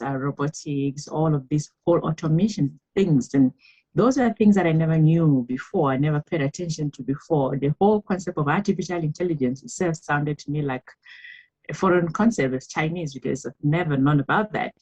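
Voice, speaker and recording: Low-voiced Cameroonian-born woman storyteller. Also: a little mellow, lo-fi sound. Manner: reflective storytelling with frequent laughs and fillers. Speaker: guest author. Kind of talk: podcast interview.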